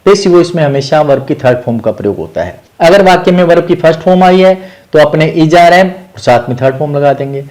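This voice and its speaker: An Indian man with a slightly high, darkish voice teaches a grammar lesson in a brisk, expressive way. He works methodically, restating each key point and mixing English terms into his explanations.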